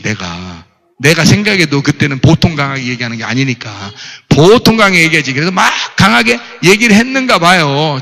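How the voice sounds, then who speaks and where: Animated pastor preaching in a church hall. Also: male voice, on the high side. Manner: animated storytelling, asks the audience questions. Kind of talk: sermon.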